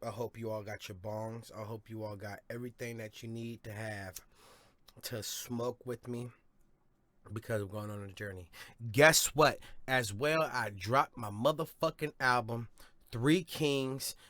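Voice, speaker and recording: A man's voice: mid-range voice, a little slow, a bit bright, no room sound. A man hosting his own podcast in a rambling, profane, hyped-up monologue. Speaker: podcast host. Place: home studio or car, smoking a blunt.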